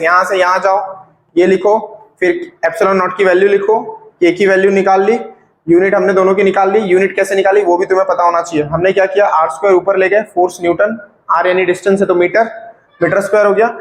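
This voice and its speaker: High-pitched guy teaching physics step by step, keeps asking if it's clear, echoey room. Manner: explains step by step, checks in with students. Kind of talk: classroom lecture.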